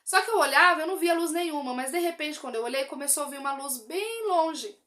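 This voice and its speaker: High, bright Brazilian woman testifying. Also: expressive, fast. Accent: Brazilian Portuguese. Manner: earnest, addresses listeners directly, repeats phrases for emphasis. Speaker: woman giving a faith testimony. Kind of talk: emotional religious testimony.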